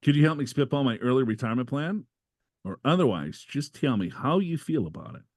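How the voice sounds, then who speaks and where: A man's voice: medium pitch, lively intonation, a little fast, a little mellow, no echo, clean studio sound. A man co-hosting a podcast, reading listener questions aloud and adding playful asides in casual banter. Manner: joking, reads letters aloud with asides.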